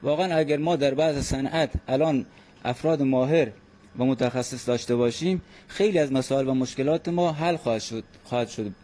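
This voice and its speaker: Mellow-voiced man speaking earnestly. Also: mid-range voice. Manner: earnest, measured, frequent hesitant fillers. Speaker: guest expert. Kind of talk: formal radio interview.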